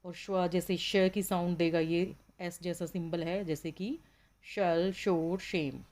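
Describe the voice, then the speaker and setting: Lower-pitched woman teaching phonetics slowly. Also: fairly even intonation, darkish tone. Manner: slow, deliberate listing of example words. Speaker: English teacher. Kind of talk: classroom lesson on phonetics.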